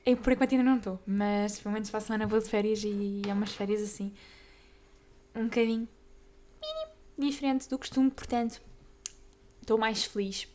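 A young woman with a European Portuguese accent, hosting a casual solo podcast, talking fast and tripping over tongue twisters. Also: medium pitch, steady tone, a little mellow, slight background noise. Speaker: podcast host.

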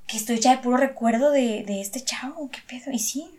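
A young woman with a Mexican Spanish accent tells a personal story in a relaxed chat. Her voice sits a little high, and her talk is full of slang and swearing. She acts out the things she and others said along the way. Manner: slangy and profane, quick to swear. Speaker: guest telling a personal story.

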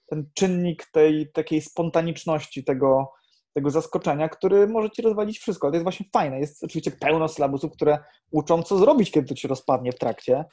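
A man who teaches improv, talking in a casual podcast chat, animated, swearing now and then and restarting his sentences. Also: fairly high pitch, fairly quick.

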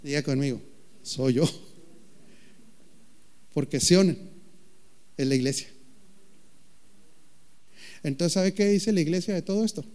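A man preaching a sermon, joking with the congregation and calling out questions, with slow, emphatic phrasing. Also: on the high side, dark tone. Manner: playful, jokes with the congregation, calls out questions. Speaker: pastor.

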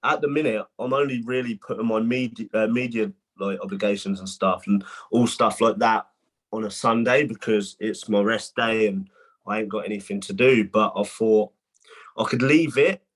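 A man, a boxer talking as a podcast guest in a halting way full of restarts. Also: on the low side, fairly bright tone, breathy edge. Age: 20s. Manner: halting, many restarts and fillers. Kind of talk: casual podcast chat.

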